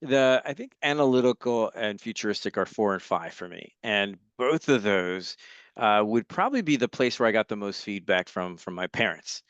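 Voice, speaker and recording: Smooth-voiced enthusiastic man, mid pitch. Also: moderate pace, dry recording, lo-fi sound. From Los Angeles, United States. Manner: enthusiastic, lively storyteller. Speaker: guest workshop facilitator. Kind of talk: conversational interview.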